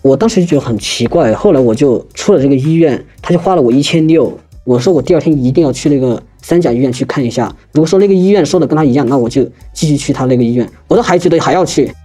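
A man's voice: fairly high pitch, very fast, hardly any pauses, mellow, husky, soft background music. A young man telling a personal story in a casual, rambling way, hesitating and restarting often.

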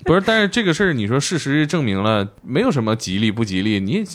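Male host, expressive and animated pitch. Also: fast. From Northeast China. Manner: expressive, reacts with short interjections. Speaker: podcast host. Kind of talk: casual interview chat.

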